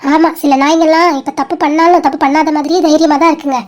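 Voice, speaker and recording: A woman's voice: sits high, little pitch movement, quick pace, darkish tone, natural voice. A woman voicing a fiery, quarrelsome young college girl in an amateur cartoon, scolding and threatening shrilly. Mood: angry. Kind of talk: amateur animated cartoon dub.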